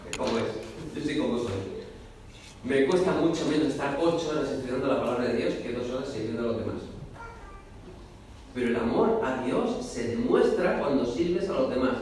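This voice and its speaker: A man preaching a sermon, talking fast and emphatically and addressing the listeners directly. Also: mid-range voice, lively intonation, a crowd in the background. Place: church hall. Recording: echoey hall, voice from far off.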